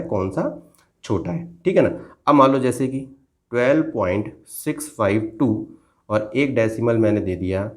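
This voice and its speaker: Male math tutor, middle-aged, patient and encouraging, steady mid-range voice. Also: medium pitch. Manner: patient, addresses pupils as "beta" and checks "theek hai na" often. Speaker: math teacher. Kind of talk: classroom lesson explained at a board.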